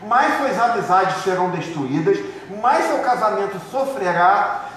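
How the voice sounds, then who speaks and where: Male pastor delivering a lively sermon in a church hall; long reverb, faint background noise. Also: high voice, unhurried. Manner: lively preaching, acts out congregants' complaints. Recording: echoey hall, far from mic, faint noise.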